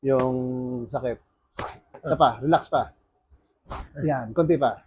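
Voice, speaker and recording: A man working as a bone setter, talking a patient through a massage with calm, soothing instructions to relax and breathe. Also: medium pitch, slow pace, slightly rough. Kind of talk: casual coaching during a massage treatment. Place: on a yacht.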